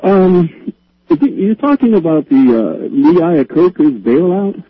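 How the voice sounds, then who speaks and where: A man with an Ohio accent calling in to a radio show, talking haltingly with many restarts. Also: on the high side, very animated, slightly rough, dry recording. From Ohio, United States. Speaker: caller. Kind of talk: phone-in call. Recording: tinny phone line.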